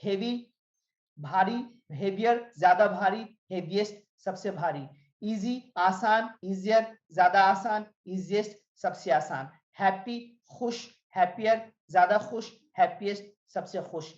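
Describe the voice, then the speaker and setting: A woman teaching English grammar, reading word lists aloud slowly and clearly and explaining the rules. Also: medium pitch. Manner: reads word lists aloud, slow and drilled, falls at each line end. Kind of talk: spoken English grammar lesson. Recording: echoey room, dull lo-fi sound.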